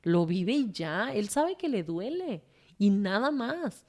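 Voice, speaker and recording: Mexican woman spilling her story, candid, swears a lot, rambly w/ fillers, mid pitch. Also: big pitch swings, slow pace, darkish tone. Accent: Mexican Spanish. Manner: frank and emotional, swears freely, rambles with fillers. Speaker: guest telling her testimony.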